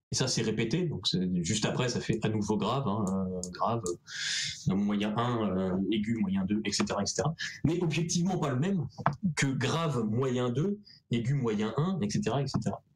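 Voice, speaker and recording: A man walks his audience through his research experiment in an easygoing, conversational way. His voice sits at an ordinary middle pitch. He talks with lots of fillers and restarts, and slips in self-mocking asides. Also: darkish tone. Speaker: PhD researcher presenting his thesis. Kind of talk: casual explanatory talk.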